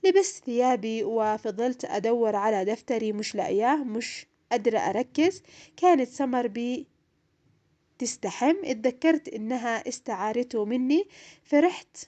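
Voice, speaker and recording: A woman's voice: on the high side, normal speed, mellow. A young woman narrating her own painful story in the first person, in an emotional, plaintive way. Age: young adult.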